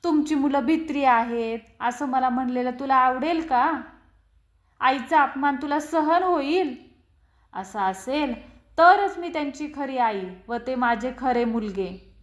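A woman's voice: high-pitched, animated, slow pace. A woman voicing a stern but loving middle-aged village mother who scolds and pleads. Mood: tearful. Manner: scolding, then tearful and pleading. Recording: roomy echo.

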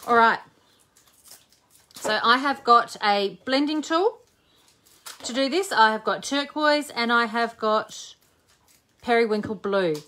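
A woman in her forties hosts a craft video, chatting, joking, and thinking aloud as she demonstrates a project live. Her voice sits on the high side, pushed and bright, and very expressive. She takes it slowly, leaving long pauses.

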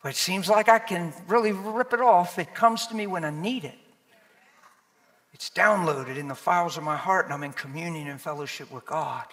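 A middle-aged man preaching a sermon in a church, animated, dropping to low asides and rising to shouted exclamations. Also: moderate pace. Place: church hall. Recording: long hall reverb.

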